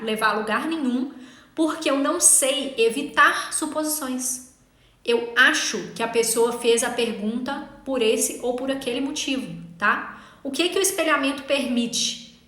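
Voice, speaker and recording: A woman in her thirties teaching a lesson on legal writing and debate, talking fast and emphatically, often checking in with "tá?". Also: high voice, sharp tone, roomy sound. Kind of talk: online lesson.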